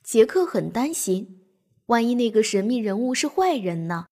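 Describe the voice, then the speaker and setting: Young woman reading a bedtime story to kids, higher pitch and a slightly husky tone, very animated. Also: moderate pace. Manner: gentle, expressive reading for children.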